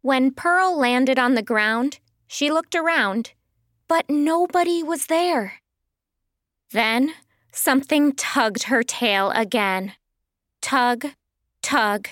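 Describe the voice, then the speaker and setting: A woman narrating a children's audiobook in a slow, sing-song storytelling manner, recorded close to a studio mic. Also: sits high, lively intonation, fairly bright tone, no echo.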